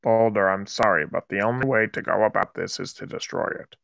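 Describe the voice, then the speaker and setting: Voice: low-pitched, brisk, vocal fry, fairly bright tone, no echo. A player in casual, in-character banter during a tabletop role-playing game.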